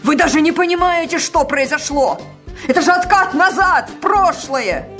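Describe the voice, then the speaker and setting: A woman voicing a stiff, cold male official who shouts indignantly. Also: very high voice, moderate pace, soft background music, voice pushed up. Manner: hissing then shouting indignantly.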